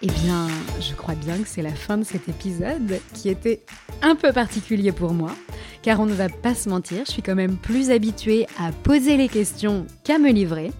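A woman's voice: mid-range voice, expressive, normal speed, a little mellow, faint music behind. A woman hosting a podcast in a casual, enthusiastic monologue, sharing recommendations and thanking listeners. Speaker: podcast host.

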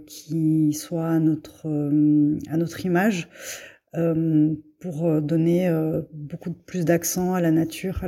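Woman, from Belgium, middle-aged, hesitant, many fillers, husky tone. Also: sits low, warm tone. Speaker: farmer and forager guest. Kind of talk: casual spoken testimony.

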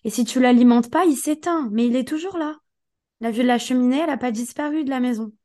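Woman, hoarse voice, somewhat high, emphatic motivational podcast co-host. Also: fast talker, dark tone. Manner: emphatic, coaching tone, speaks directly to the listener. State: hoarse, partly lost voice. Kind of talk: casual motivational podcast chat.

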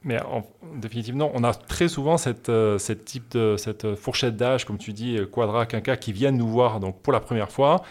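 A wealth management advisor answers interview questions in a measured, explanatory manner, hesitating often. His mid-range voice has a slightly mellow quality.

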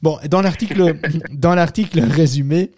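A man's voice: on the high side, moderate pace, darkish tone. A francophone man hosting a live podcast from home, explaining casually with many fillers and restarts, laughing at his own asides. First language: not French-born, francophone. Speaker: podcast host.

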